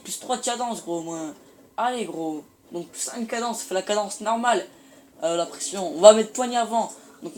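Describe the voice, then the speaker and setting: Slangy excitable young guy gaming. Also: high voice. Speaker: gaming YouTuber. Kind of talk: casual gameplay commentary. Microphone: phone filming the screen. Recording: faint room noise, phone recording.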